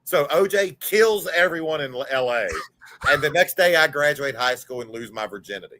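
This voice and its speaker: A man's voice: on the high side, normal speed, slight background noise. A man in his forties, a guest on a livestream, chatting casually and telling stories in a candid way, swearing freely. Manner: animated, candid storyteller who swears freely.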